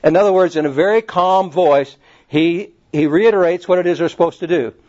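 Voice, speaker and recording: A man's voice: fairly high pitch, a little fast, a little mellow. A man preaching a sermon in a conversational, rambling way, often restarting his sentences. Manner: conversational, digressive, with frequent restarts. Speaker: pastor. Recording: slightly dull, lo-fi recording.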